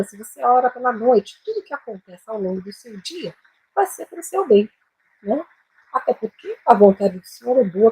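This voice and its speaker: A woman with a Brazilian Portuguese accent teaching a live Bible-based English lesson, speaking slowly and emphatically, repeating phrases and often adding tag questions. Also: medium pitch, a little mellow, breathy edge, low-quality recording.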